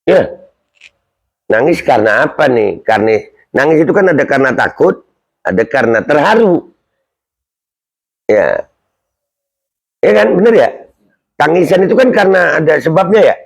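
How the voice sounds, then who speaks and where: A man's voice: fairly high pitch, sing-song, normal speed, vocal fry, long pauses, breathy edge. A man, hosting a casual news commentary channel, who reads the news aloud and answers his own rhetorical questions. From Indonesia.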